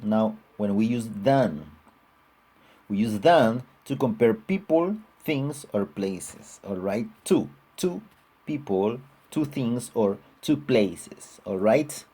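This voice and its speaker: Man, grammar teacher, slow and deliberate, husky mellow tone. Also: on the low side, animated. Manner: patient, repeats examples, frequent "all right?" checks. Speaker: English teacher. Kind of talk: online grammar lesson.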